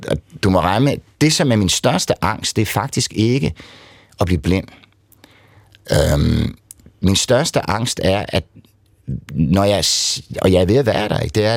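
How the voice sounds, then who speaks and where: Interview guest: middle-aged man, low voice, candid and rambling, dry close mic. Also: gravelly, no echo. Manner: candid, rambling, frequent "ikke?" tags. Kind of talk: conversational storytelling.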